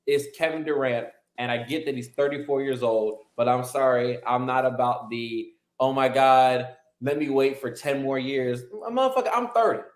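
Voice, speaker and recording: A man's voice: medium pitch, normal speed, few pauses. A man guesting on a casual sports podcast, ranting animatedly and swearing often as he jokes. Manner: animated, profane, joking rants. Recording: roomy echoey sound.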